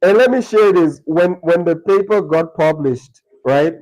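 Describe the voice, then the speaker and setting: A man's voice: fairly high pitch, unhurried, darkish tone, low-quality recording. A young man from Liberia, a guest talking over a video call, chatty and full of restarts. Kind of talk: remote interview conversation.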